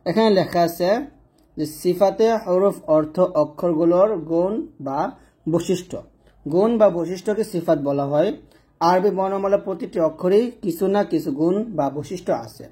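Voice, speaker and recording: High, husky-voiced man teaching a lesson. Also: dark tone. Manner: explains step by step, repeats points, checks understanding. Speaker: Quran recitation teacher. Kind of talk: casual explanatory lesson.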